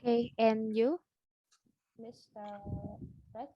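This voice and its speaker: A young woman leads a scripted classroom interview, reading her questions politely. Her voice sits a touch high and sounds dry and close to the mic. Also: fairly even intonation, takes it slowly, slightly rough, no room sound, highs cut off. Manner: reads prepared questions politely. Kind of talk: classroom English speaking exercise, scripted interview.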